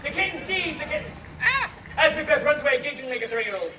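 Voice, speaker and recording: A high-pitched man runs a live comedy show at an outdoor festival, bossing his audience volunteers around with big, lively swings of pitch and frequent shouts. He is heard from a distance, with a roomy echo. Crowd chatter and street noise fill the background. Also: fast. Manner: animated, bossy stage directions, bursts of shouting. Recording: far-off echoey outdoor crowd recording.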